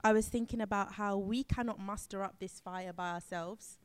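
A woman's voice: medium pitch, steady tone, normal speed, smooth. A woman following up with earnest, conversational preaching. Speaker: worship speaker. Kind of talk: informal preaching.

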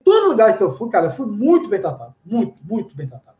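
A man with a Brazilian Portuguese accent and a fairly high voice chats casually in an interview. He talks in slang and drifts into anecdotes with quick asides. The room around him is echoey. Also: huge pitch swings, darkish tone. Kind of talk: casual chat.

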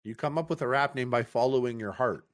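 A man's voice: mid-range voice, fast. A man in a casual group podcast conversation, talking in a loose, rambling way full of 'like'. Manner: rambling, uses 'like' often.

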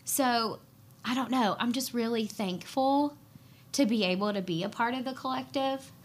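A woman's voice: a little high, slight background noise. Earnest woman telling her faith story. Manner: earnest and emotional, with frequent "um" pauses. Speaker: podcast guest, worship leader and pastor's wife. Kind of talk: personal storytelling in conversation.

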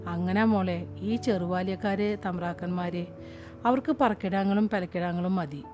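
Brief: woman reading a cautious older farm woman, motherly and hushed, worried and pleading, over clear music. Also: fairly low pitch, normal speed, close to an everyday voice.

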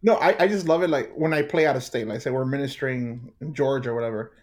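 A young adult man from New York, a worship musician guest telling stories in an animated, chatty way. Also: mid-range voice, fast talker. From United States, New York. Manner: animated storyteller, acts out quotes. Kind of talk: casual interview chat.

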